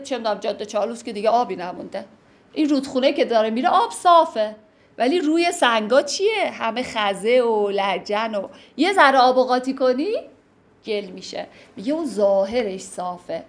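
High-voiced woman teaching old poetry. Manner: acts out little scenes with quoted voices, swinging between hushed and loud; recites verse slowly and carefully. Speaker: teacher explaining Persian poetry. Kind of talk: lecture on classic verse with everyday examples.

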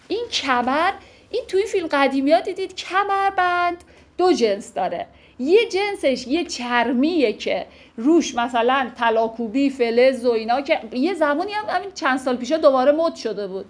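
A woman teaching classical poetry, reciting verses and then explaining them in a casual, conversational way. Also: high voice. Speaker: literature teacher.

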